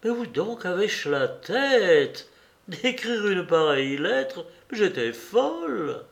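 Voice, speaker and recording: A man voicing an impulsive, flustered young lady with sharp exclamations. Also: sits high, very animated, slow pace, creaky, pitched above the performer's own voice, full character voice. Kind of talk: audiobook character voicing.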